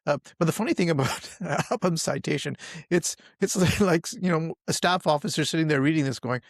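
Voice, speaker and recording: A man co-hosting a history podcast in casual chat, measured and reflective. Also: fairly high pitch, gravelly, dry recording, clean studio sound. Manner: reflective, measured, breaks into laughs. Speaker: podcast co-host.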